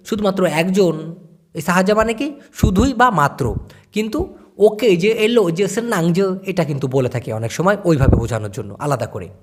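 A man speaks in a casual, chatty lesson, walking listeners through vocabulary word by word. His voice sits high and swings widely in pitch. He repeats terms slowly and keeps checking that his audience understands. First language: Bengali. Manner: explains words slowly, repeats them, asks listeners if they understood. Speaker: language teacher.

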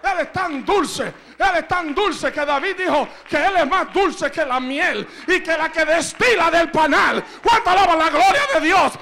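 A male preacher giving a fervent Spanish sermon, often shouting and dropping in short English phrases. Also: very high voice, measured pace, hardly any pauses, slight background noise.

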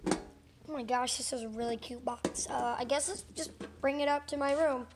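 A woman with a high, bright-sounding voice chats excitedly as she opens a package on camera. A faint hiss of background noise runs under the recording. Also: moderate pace. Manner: chatty, excited narration. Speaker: toy unboxing vlogger. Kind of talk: casual toy-play vlog.

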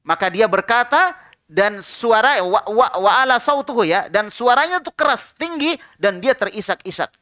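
A man leads a religious study session, reading a line of Arabic and then unpacking it in everyday speech. His voice is bright and forward. The sound is dry and close, with little room echo. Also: high-pitched, expressive, normal speed. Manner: reads Arabic text then explains it in Indonesian, with asides. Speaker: Islamic teacher. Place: prayer room studio.

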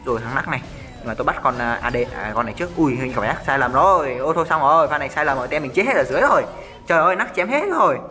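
A man commenting live on his own match in a quick, bright, fairly high voice. He keeps up a restless stream of repeated callouts aimed at his viewers, while soft music plays underneath. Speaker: gaming streamer.

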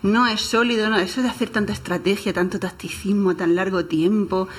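A woman's voice: mid-range voice, fairly even intonation, fairly quick, husky. A woman city councillor speaking on a radio panel in a studio, reflective and given to repeating her key points.

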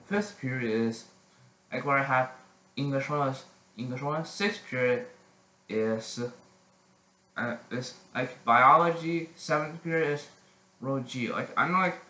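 A teenage boy chatting casually in a vlog, halting with many restarts and frequent throat clearing. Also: mid-range voice, sharp tone, echoey room, rough recording. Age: teens. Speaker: vlogger.

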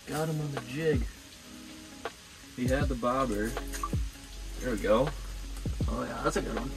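A young man giving casual play-by-play while ice fishing, often murmuring quietly as he reels fish in, recorded inside an ice fishing shelter by a wide camera. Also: a little slow, creaky, loud music behind the voice, poor audio. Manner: laid-back, often murmured low while reeling in fish. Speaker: fishing vlogger.

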